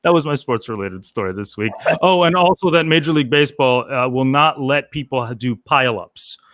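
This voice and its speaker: Chatty male co-host, bright voice. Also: mid-range voice, fairly quick, no echo. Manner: loose and chatty, trailing fillers. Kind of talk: casual chat show, telling news stories.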